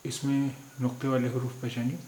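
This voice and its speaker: An Indian man with a mellow, medium-pitched voice that barely moves in pitch and runs fairly quick. The language teacher gives a slow word-by-word script lesson, patiently explaining letters and words and repeating each word three times; the room is echoey with faint background noise.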